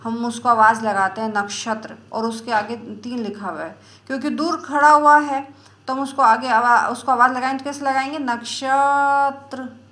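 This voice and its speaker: A woman teaching a lesson, explaining step by step in a slow, patient way and drawing out example sounds. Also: fairly high pitch, fairly even intonation, a bit bright, roomy sound. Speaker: Sanskrit teacher.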